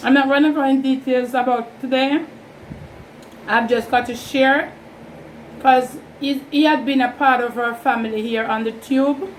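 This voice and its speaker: A woman with a Jamaican accent chatting casually and informally in a rambling, unhurried way, as a vlogger hosting an eating show. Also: sits high, rough recording. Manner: unhurried, informal Creole-inflected phrasing, rambling. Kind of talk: casual mukbang chat. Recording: steady fan noise in background. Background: whirring fan.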